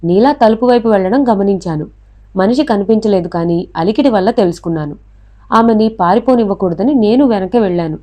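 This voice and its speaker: Injured hasty young man, read by a woman narrator, warm mellow voice, plain delivery. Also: mid-range voice, brisk, natural voice. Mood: recounting.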